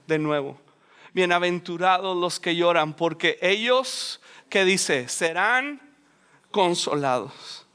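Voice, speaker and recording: Male preacher, emphatic sermon delivery, bright tone. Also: high-pitched, clean tone. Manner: earnest, emphatic, acts out scripture scenes.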